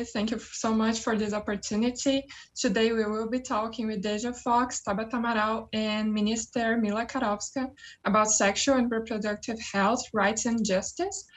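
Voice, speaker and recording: A woman in her twenties from Brazil, politely moderating an online panel and reading questions with care. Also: a little high. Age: 20s. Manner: polite, reads questions carefully. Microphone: webcam on a video call.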